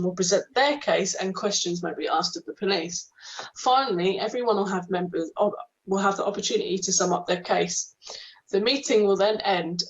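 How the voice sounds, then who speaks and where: A woman chairs a formal committee hearing, heard over a video call. Her voice sits at a middling pitch, and the audio comes through dull and lo-fi. She reads the running order aloud in a procedural way, broken by small hesitant ums.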